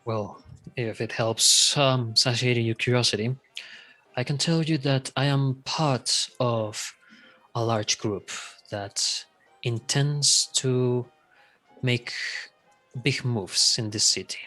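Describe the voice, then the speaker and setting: A man plays a stranger at a tabletop role-playing game, speaking at a middling pitch. His lines come out halting, full of small restarts as he improvises. Faint music plays underneath. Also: sharp tone. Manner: hesitant, stammering restarts. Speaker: player voicing his character in a tabletop game. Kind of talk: in-character improvised role-play.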